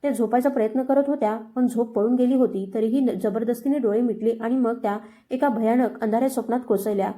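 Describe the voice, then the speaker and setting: A woman's voice: on the high side, fast talker, dark tone. A woman narrating a story in the first person with an emotional, dramatic reading.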